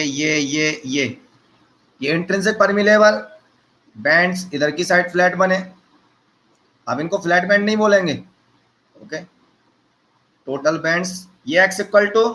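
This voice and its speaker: A man with a high, bright voice leads a physics lecture, joking with his students and calling them son and brother. He talks casually, firing off questions and answering them himself. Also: rough recording. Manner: teasing, conversational, addresses students as beta and bhaiya. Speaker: teacher.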